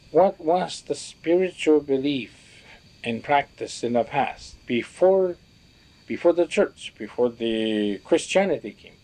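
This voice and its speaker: Male storyteller, unhurried and soft-toned, reflective and halting, restarting phrases as he gathers his thoughts. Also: medium pitch. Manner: slow, halting, with frequent restarts and searching for words. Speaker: storyteller recalling teachings from elders. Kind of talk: reflective spoken recollection.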